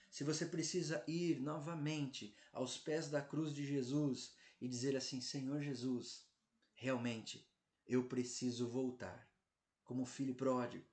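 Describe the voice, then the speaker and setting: Brazilian pastor preaching in an echoey church. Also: male voice, mid-range voice. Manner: emphatic, rising on key phrases, then soft and slow. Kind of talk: sermon with closing prayer. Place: church sanctuary.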